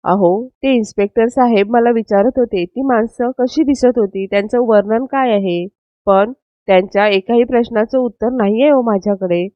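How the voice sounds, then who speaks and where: A woman's voice: on the high side, moderate pace, no echo, lightly acted. A woman voicing an anxious middle-aged male servant who pleads apologetically with his employer. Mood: apologetic. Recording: dry, slightly dull lo-fi.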